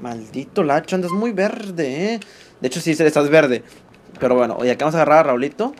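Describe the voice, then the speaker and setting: A man's voice: fairly high pitch, fairly quick, background noise. A man with a Mexican accent giving rowdy, playful commentary over a match, breaking into yelps and slangy exclamations. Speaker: gaming commentator. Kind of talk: excited let's-play commentary.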